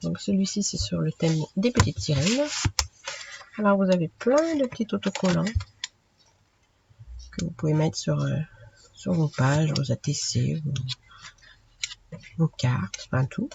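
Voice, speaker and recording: A woman with a gravelly voice shows her craft finds, unhurried and chatty. Plenty of hesitations throughout. The recording is dull and lo-fi, with clear background noise. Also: sits low, lively intonation. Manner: unhurried, chatty, many fillers. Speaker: craft channel host. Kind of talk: casual haul video.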